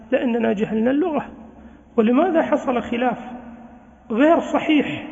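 A man's voice: very high-pitched, creaky, darkish tone. A man preaching an earnest sermon to students, exhorting them and asking rhetorical questions. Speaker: Islamic preacher. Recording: dull lo-fi sound with long reverb.

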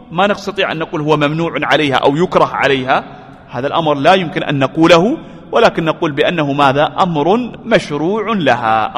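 A man with a high voice teaches a religious lesson and keeps asking rhetorical questions that he then answers. He repeats his main points and often blesses his listeners. His voice carries a long reverb, as if recorded in a large hall. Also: fairly bright tone, slightly rough. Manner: repeats key phrases for emphasis.

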